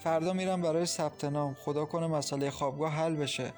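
A man's voice: on the high side, steady tone, darkish tone, soft background music, close to an everyday voice. A man voicing a bold young bride-to-be. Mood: playful. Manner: earnest, playful. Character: bold young woman, bride-to-be, anxious but playful. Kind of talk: audiobook character voice.

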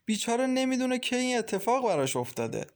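A man's voice: very high-pitched, sing-song, voice pushed up, heavily acted. A man voicing a mocking, cautious young woman in a storybook reading, teasing and fretful by turns.

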